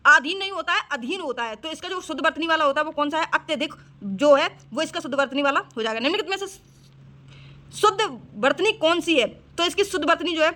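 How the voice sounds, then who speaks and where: A woman's voice: high-pitched, pushed and bright. A woman with a Hindi accent teaching a spelling lesson for exam prep, repeating each word and quizzing the class as she goes. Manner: repeats words with quiz-style questions.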